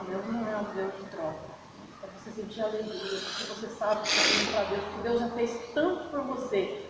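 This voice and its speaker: A woman's voice: high-pitched, background noise. Woman, church testimony, chatty, tag questions, roomy hall echo, mic at a distance. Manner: conversational, many tag questions. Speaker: pastor's wife giving testimony. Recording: echoey church hall from far off.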